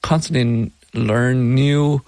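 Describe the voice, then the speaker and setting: A middle-aged tech founder from Beijing, China, describes his work in an interview, speaking English as a non-native speaker with a Chinese accent. His mid-range voice has a darkish tone and fairly even intonation, his phrasing is halting and deliberate, and the recording is dry.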